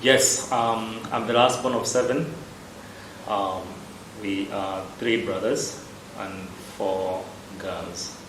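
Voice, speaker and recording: A man from Kenya with a Kenyan accent, a parish priest answering interview questions in a measured, hesitant way. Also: lowish voice, steady tone, noisy background. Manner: measured, unhurried, with frequent hesitations. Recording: roomy echo with loud background ambience.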